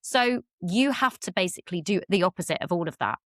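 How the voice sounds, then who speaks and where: A middle-aged British woman, a relationship expert, talks candidly as a podcast guest in a conversational interview, swearing freely and acting out quotes in a raised voice. Her voice is lowish and fairly bright, with lively intonation and a fairly quick pace.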